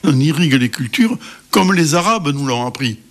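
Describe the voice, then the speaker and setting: Male guest expert, middle-aged, emphatic and lively, interview. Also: on the high side, moderate pace. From Cévennes, France.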